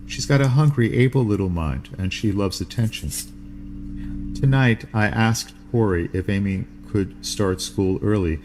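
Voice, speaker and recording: A man, hosting a podcast, reading a first-person novel aloud in a measured, unhurried way, with allergies. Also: fairly low pitch, a little mellow, a little hiss or hum. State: sneezing from allergies.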